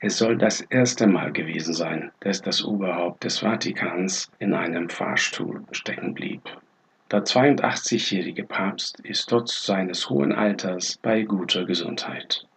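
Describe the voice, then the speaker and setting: A man reading a scripted news report in a measured, even delivery. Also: low voice, breathy edge. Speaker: news reader.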